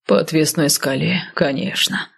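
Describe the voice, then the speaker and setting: Woman putting on a low gravelly voice for a doomed stubborn guy, curt and stern, audiobook. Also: steady tone, measured pace, heavily acted. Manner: stern, curt, speaking through clenched teeth. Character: grim cursed man, stubborn, bound to death. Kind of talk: audiobook character voice.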